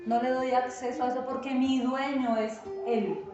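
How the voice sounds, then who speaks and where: Speaking at a normal speed in a high, fairly even voice, a woman pastor delivers an earnest, emphatic sermon and performs the voices she quotes. Guitar sounds in the distant, echoey, dull church recording.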